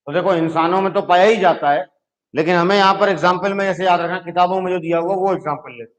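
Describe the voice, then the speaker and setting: A high-pitched man talks quickly through a chemistry lesson, patiently taking his students step by step and checking in often with "ठीक है". The classroom lecture comes through on a low-quality recording.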